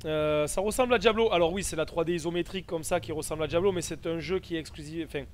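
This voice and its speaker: A man's voice: fairly high pitch, fast, a little hiss or hum. A man doing casual live gameplay commentary and chatting with his viewers. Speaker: game streamer. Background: game audio.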